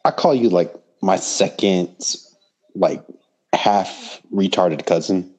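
A man's voice: low-pitched, takes it slowly, darkish tone, husky, rough recording. A man co-hosting a casual chat who teases his friend with dry comebacks. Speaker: podcast co-host.

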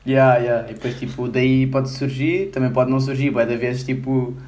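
A man's voice: medium pitch, little pitch movement, moderate pace, a little mellow, a little hiss or hum. A young man chatting casually, with lots of slang and filler words. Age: young adult. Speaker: guest painter. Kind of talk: casual chat.

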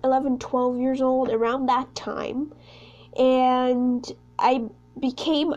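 This solo podcast host is a sixteen-year-old young woman from Brazil who speaks Portuguese, and she chats in a rambling, self-conscious manner. Her voice is high-pitched and a little mellow.

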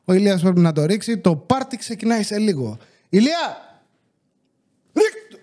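A young man hosts a casual podcast from home, with a fairly high-pitched voice. He tells his story in an animated way and keeps jumping into the voices of the people in it. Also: music in the background. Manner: animated storytelling, acting out dialogue with shifting pitch. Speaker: podcast host.

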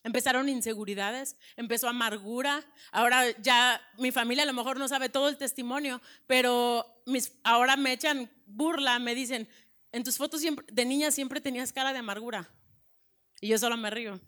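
A woman's voice: a little high, fairly even intonation, moderate pace, bright, forceful tone. A woman pastor in her thirties with a Mexican Spanish accent, sharing her testimony in an earnest, conversational sermon with frequent restarts. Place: church breakfast event.

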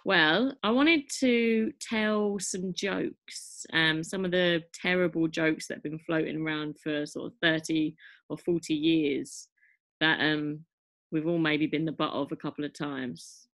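A woman's voice: deep voice, fairly even intonation, unhurried, a bit bright. A woman podcast host having a casual, informal chat.

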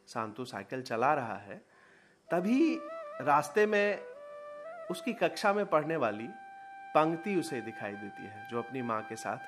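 Man telling a lively story over music. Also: mid-range voice. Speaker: narrator. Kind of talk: storytelling narration. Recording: music playing behind.

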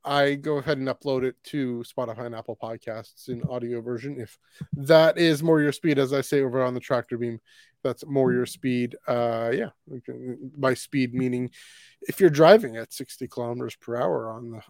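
A man's voice: mid-range voice, steady tone, fairly quick, gravelly, a little mellow, dry recording, studio quality. A man from Canada co-hosting a live podcast in casual chat, rambling through plugs and correcting himself as he goes. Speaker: podcast co-host.

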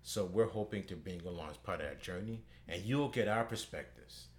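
A man in his thirties hosting a podcast, speaking earnestly and at a measured pace with filler "uh"s. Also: sits low. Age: 30s. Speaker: podcast host. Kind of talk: podcast introduction.

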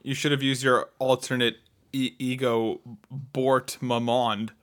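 A man's voice: mid-range voice, little pitch movement, slow pace, fairly bright tone. A man co-hosting a gaming podcast, joking around and reassuring his co-host in casual chat.

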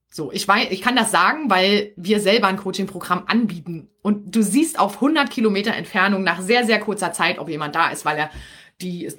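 In a fairly low, husky, somewhat bright voice, a Berlin-accented business coach talks to viewers on a live stream. She keeps it chatty and direct, frequently checking in and punctuating points with "okay?"

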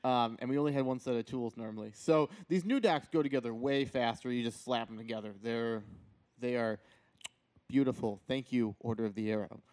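A man's voice: mid-range voice, a little fast, darkish tone. A man hosting a podcast in casual conversation, with an enthusiastic, playful way of talking. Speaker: podcast host. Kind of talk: casual chat.

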